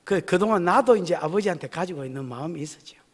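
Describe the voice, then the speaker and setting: A man's voice: high voice, animated, fast, husky. A male pastor preaching a folksy, emphatic sermon at a church service, often asking the congregation questions. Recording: echoey church hall.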